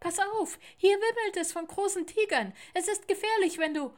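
A woman voicing an excited little male woodpecker calling out an urgent warning in a storybook reading. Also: very high-pitched, moderate pace, voice pushed up.

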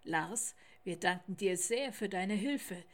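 A woman voicing a big, kind, grave male tiger father who speaks calmly in a storybook. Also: takes it slowly. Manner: calm, lowered and gentle.

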